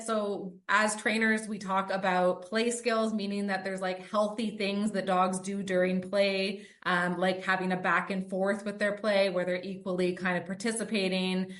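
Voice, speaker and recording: A woman's voice: medium pitch, fairly bright tone. A woman hosting a podcast and working as a dog trainer. She talks conversationally and runs through her points with frequent "um" and "like" fillers. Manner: lists points with many "um" and "like" fillers.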